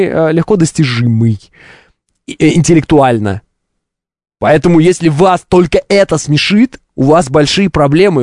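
A man's voice: on the high side, darkish tone, no room sound, studio quality. A man hosting a live stream, delivering an opinionated, didactic monologue with emphatic rhetorical questions and ironic asides.

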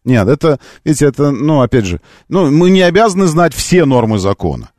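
A man's voice: on the high side, big pitch swings, brisk, darkish tone, no echo, studio quality. A man hosting a live call-in radio show, arguing insistently and repeating phrases for emphasis. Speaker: radio talk show host.

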